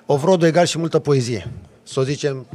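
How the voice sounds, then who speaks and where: A man, a podcast guest, telling a lively story in a casual chat with vivid sound effects. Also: a little high. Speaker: podcast guest, off-road driver.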